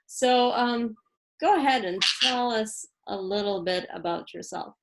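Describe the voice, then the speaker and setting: A woman hosting a casual interview, speaking in a relaxed way with a few fillers. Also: a little high, measured pace, low-quality recording. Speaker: host, library staff interviewer.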